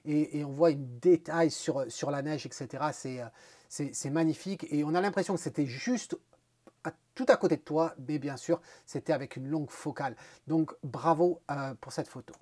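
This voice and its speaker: A man hosting a photo contest, giving casual critiques in an animated way, full of fillers and repeated words, with teasing, mock-angry scolding. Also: a little high, moderate pace.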